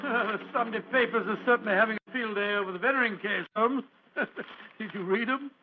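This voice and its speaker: An actor playing an elderly, courteous British Doctor Watson in a vintage radio drama, chuckling and hesitating as a storyteller. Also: male voice, high voice, normal speed, over music, natural voice. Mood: curious. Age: older. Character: genial, doddering elderly Doctor Watson, storytelling old gentleman. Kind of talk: 1940s radio acting. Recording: dull, lo-fi old radio recording.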